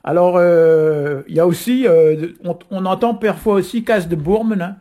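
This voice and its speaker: Guy from brittany on the radio explaining words, lots of ums, kinda husky. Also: high voice, moderate pace, warm tone. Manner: hesitant, filler-heavy, explanatory. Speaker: Breton language guest teacher.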